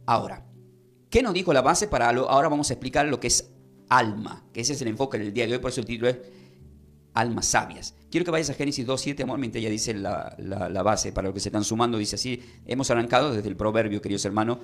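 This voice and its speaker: A pastor leads a Bible-study sermon, explaining verses and asking the congregation to repeat his phrases in a teaching manner. He speaks quickly in a medium-pitched, slightly bright voice, with faint music behind him.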